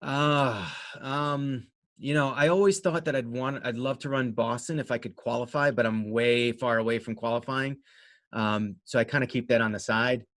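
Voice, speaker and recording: A man talks casually as an interview guest, at a middling pitch. He rambles along in a conversational way and is modest and self-deprecating about himself. The sound is dry, with little room in it. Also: moderate pace, fairly bright tone, dry recording. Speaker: interview guest, amateur runner and race organizer.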